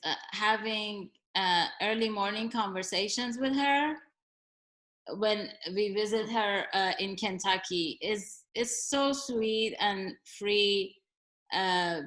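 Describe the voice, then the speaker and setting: A woman sharing memories of her grandmother and gently coaxing a small child, speaking hesitantly with many fillers. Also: mid-range voice, rough recording. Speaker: parent prompting her child. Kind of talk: casual spoken tribute.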